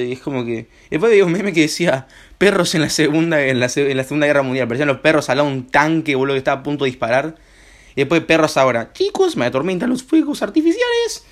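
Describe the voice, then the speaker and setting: A young man with an Argentine accent, slightly hoarse, hosting a casual home-made radio show in a rambling, slangy way full of filler words. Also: on the high side. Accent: Argentine Spanish. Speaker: host.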